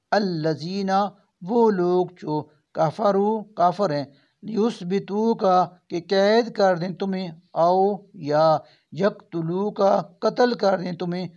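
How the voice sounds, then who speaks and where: A man reading a verse-by-verse scripture translation, measured and phrase by phrase. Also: high-pitched, a little mellow, dull audio. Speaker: translation reader.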